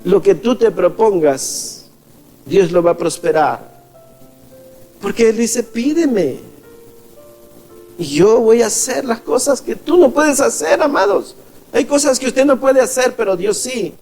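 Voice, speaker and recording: A man preaches a sermon in a very high voice, drawing out his words slowly. He addresses the congregation as beloved and voices the figures in his stories. Soft music plays faintly beneath him. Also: expressive. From Ecuador. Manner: preaching, calls the congregation "amados", acts out quoted voices. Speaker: pastor.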